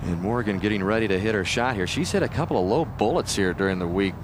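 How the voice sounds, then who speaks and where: A man's voice: lowish voice, animated, quick pace. A man anchoring live golf commentary as the host of a sports broadcast. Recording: noisy outdoor broadcast.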